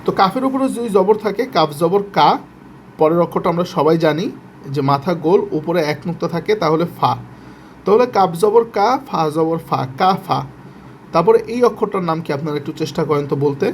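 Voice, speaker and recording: A man with a fairly high voice and a Bangladeshi Bengali accent teaches Quran letters step by step. He is patient and repetitive, sounding out each syllable slowly. Faint ambience sits behind him. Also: expressive, a little hiss or hum. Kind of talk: step-by-step reading lesson.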